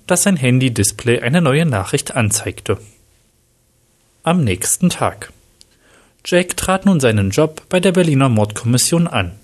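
A man reading a story aloud in an even, plain way. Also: mid-range voice. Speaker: narrator.

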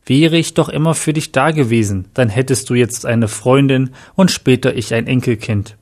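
A man's voice: medium pitch, moderate pace, a little mellow, close to an everyday voice. A man reading as a spiteful estranged mother. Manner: cruel, falsely sweet.

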